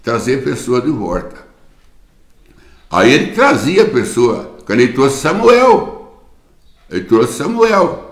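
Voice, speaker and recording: A man's voice: mid-range voice, sing-song, slow, pauses often, reverberant. A man with a Brazilian Portuguese accent preaching a sermon in church, repeating phrases for emphasis and calling his listeners brother. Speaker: pastor.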